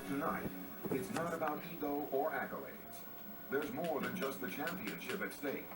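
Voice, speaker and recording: A male announcer gives a solemn, swelling promo narration, heard from an old VHS tape playing on a television. His voice reaches the mic from across the room, with a roomy echo and loud music pushing beneath it. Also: mid-range voice, moderate pace. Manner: solemn, building emphasis. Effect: played from an old VHS tape on a TV. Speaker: wrestling broadcast announcer. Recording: echoey distant TV speaker, loud music. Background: loud music and chatter in the room.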